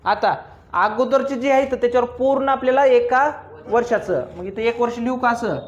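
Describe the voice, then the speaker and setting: High-voiced teacher drilling a class. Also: male voice, normal speed, muffled recording. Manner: asks the class constant questions, teasing and drilling. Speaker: accounts teacher. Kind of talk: classroom lecture.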